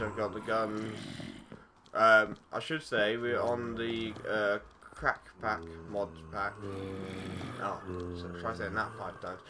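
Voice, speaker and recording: A young man casually narrating a game, rambling and easygoing with frequent fillers and self-corrections. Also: lowish voice. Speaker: gaming YouTuber. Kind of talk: casual let's-play commentary. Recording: loud background noise with game clicks.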